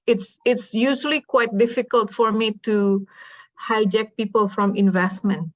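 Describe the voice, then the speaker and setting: A woman's voice: mid-range voice, steady tone, a little slow, lo-fi sound. A woman from Indonesia hosting a casual online panel chat, asking guests questions with many fillers. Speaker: host.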